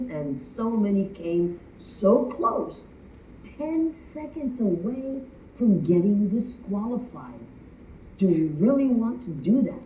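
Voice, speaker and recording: A woman from the United States speaking to a contest audience as a judge, chatty and animated, acting out quotes. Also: medium pitch, slight background noise. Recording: echoey room from far off.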